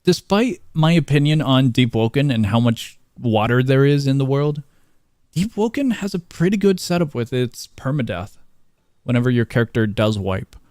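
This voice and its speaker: Laid-back male game streamer, dark voice. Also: mid-range voice, lively intonation, moderate pace, no room sound, studio quality. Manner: reads game dialogue aloud, chuckles often. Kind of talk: casual gameplay commentary.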